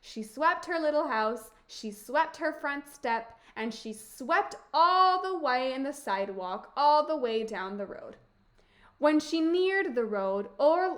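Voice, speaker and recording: A woman teacher reading a picture book aloud in a slow, expressive, emphatic way. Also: high voice. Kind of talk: storybook read-aloud.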